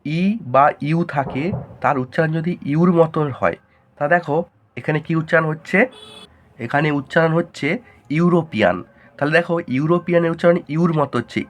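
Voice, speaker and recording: A man teaching a grammar lesson, asking questions and answering them himself in a lower voice.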